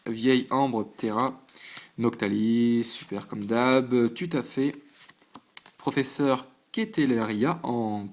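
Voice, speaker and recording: A man's voice: mid-range voice, slow pace. A man hosting his own channel, talking casually to camera at a desk at home, listing items one after another with short reactions, often stumbling and restarting with fillers. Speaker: channel host opening trading card packs. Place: at home at a desk under a lamp.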